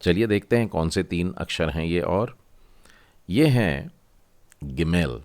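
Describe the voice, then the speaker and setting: A man's voice: low-pitched, expressive, takes it slowly, a little mellow. A man teaching a Hebrew lesson, explaining step by step and repeating each new term. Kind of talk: classroom lesson.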